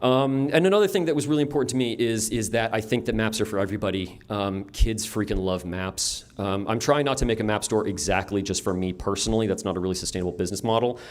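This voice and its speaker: A man's voice: on the low side, fast talker, hardly any pauses. A young man from upstate New York, a map store owner giving a casual, wry conference talk to a room, with many ums and restarts. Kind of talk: conference presentation. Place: conference room before an audience.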